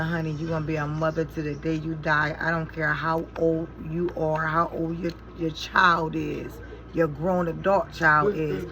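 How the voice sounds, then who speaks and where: A middle-aged woman chatting casually to her viewers while doing her makeup, telling stories in an animated, exasperated way and swearing when frustrated. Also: deep voice, very noisy. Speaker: beauty vlogger and mother.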